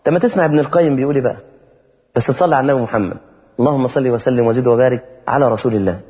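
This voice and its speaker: A man preaching with an Egyptian Arabic accent, talking casually and lively, then slowing down to chant verses in a melodic tone. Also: mid-range voice. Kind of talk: sermon. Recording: dull sound with long hall reverb.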